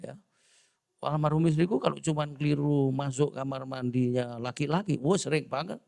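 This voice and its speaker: A man's voice: fairly high pitch, normal speed, creaky. A male pastor preaching a sermon, telling humorous personal stories and acting out dialogue with the congregation. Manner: animated storytelling, acts out dialogue, jokes with the congregation.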